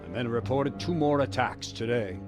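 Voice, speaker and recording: An actor playing a blunt guard captain in a video game cutscene, briskly reporting news. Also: male voice, medium pitch, animated, music in the background, close to an everyday voice. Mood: grim.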